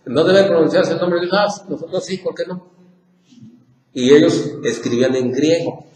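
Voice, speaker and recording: A man's voice: mid-range voice, mellow. A man with a Mexican Spanish accent teaching an informal Bible class, repeating points and asking the group questions. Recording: echoey room with faint noise.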